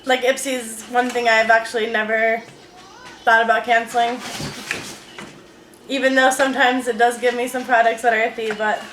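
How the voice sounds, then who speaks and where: This is a casual unboxing vlog recorded in a room at home, where a young woman rambles about beauty products with many fillers. She talks at normal speed in a level tone, her voice slightly high, and she pauses often. The recording carries room echo and faint noise.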